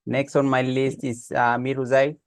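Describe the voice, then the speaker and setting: Over a video call on his computer mic, a Kenyan man hosting online office hours welcomes participants warmly, hesitating with plenty of "uh" fillers. His medium-pitched voice is level and clean at normal speed, with studio-quality sound and no room noise.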